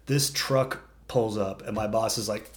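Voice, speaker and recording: A young man in casual conversation, recounting a wild adventure with lively energy. He swears freely, peppers his speech with "dude", and slips into quick impressions of the people in the story. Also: fairly low pitch. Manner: animated, profane, says "dude" a lot, acts out quotes. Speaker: storyteller guest.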